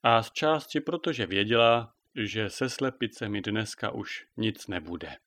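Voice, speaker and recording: A man narrating a children's storybook in a lively, expressive reading. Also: fairly low pitch, no room sound.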